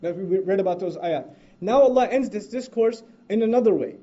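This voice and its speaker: High-voiced fast-talking man teaching Quran. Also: lively intonation, mellow. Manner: recites Arabic verses rapidly, then explains in English. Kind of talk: explanatory lecture on Arabic grammar. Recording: dull lo-fi recording.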